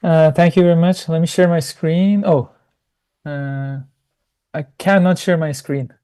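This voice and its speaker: A man presenting a prepared startup pitch over a video call, explaining methodically and answering his own questions. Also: steady tone, unhurried, mellow, clean tone.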